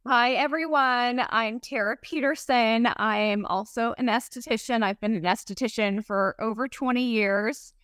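A woman's voice: fairly high pitch, moderate pace, hardly any pauses, a bit bright, clean tone, dry recording, studio quality. A middle-aged woman talking casually and emphatically as a guest expert in an interview. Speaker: podcast guest, esthetician and company founder.

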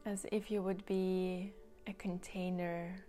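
A woman guiding a grounding meditation, talking softly and slowly, with some words breathed out in a whisper. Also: on the low side, little pitch movement, faint music behind. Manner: slow, soft, partly whispered guidance. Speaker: meditation guide. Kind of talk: guided meditation.

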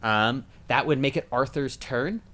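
A man's voice: mid-range voice, measured pace, a bit bright. Casual man running a tabletop game. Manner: casual, self-correcting, laughs at own jokes. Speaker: game master.

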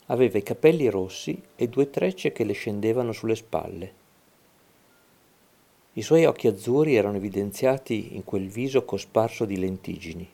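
A man narrating a fantasy story in the first person, in a subdued, hushed storytelling manner. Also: on the low side, vocal fry. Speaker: audiobook narrator.

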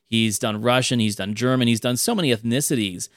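Fairly quick and mid-range, a male podcast host's voice stays animated while he casually covers an old film, at times acting out quotes loudly. The audio is studio quality and echo-free.

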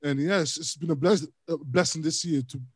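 Young man, podcast co-host, casual chat, animated, higher pitch, dry sound. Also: a little fast, breathy edge, no room sound. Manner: animated storyteller, laughs often.

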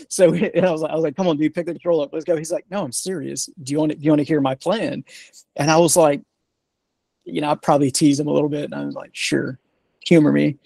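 Gravelly-voiced retired soldier telling stories. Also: male voice, on the high side, dry recording. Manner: relaxed, rambling, many fillers and restarts. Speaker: retired Army sergeant, interview guest. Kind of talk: casual storytelling interview.

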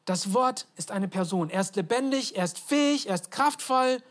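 A woman preaching a conversational sermon. She tells the story in a lively way and asks her listeners questions. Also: mid-range voice, normal speed. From abroad, moved to Germany.

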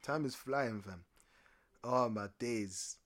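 A man's voice: mid-range voice, slow pace, fairly bright tone. A man in his early twenties with a London roadman accent, telling stories in casual street slang and repeating phrases for emphasis. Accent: London roadman, multicultural London English. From London, born in or brought from Nigeria. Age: early 20s. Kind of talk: casual chat, animated storytelling.

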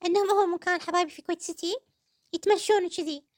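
A woman's voice: very high-pitched, steady tone, very fast, dry recording, clean studio sound. A Kuwaiti woman hosting a comedy podcast, giving sarcastic commentary and calling her listeners dear ones. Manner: sarcastic, addresses listeners fondly. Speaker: podcast host. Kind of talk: satirical commentary.

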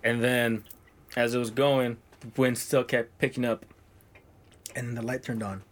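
A man's voice: mid-range voice, flat delivery, moderate pace, a little hiss or hum. A young man on a casual podcast, telling a spooky story in a laid-back, profane way. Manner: laid-back, profane, drifts into quoted voices. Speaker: podcast guest.

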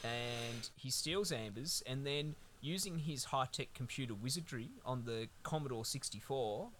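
A man's voice: medium pitch, normal speed, a bit bright. A man co-hosting a podcast, recapping a film in a rambling, sweary, laid-back way. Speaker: podcast co-host. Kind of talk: casual film-review chat.

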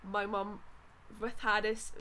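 A woman co-hosting a casual podcast, friendly and quick to agree and laugh along. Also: medium pitch, little pitch movement, bright, forceful tone, slight background noise. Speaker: podcast co-host. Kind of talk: casual chat.

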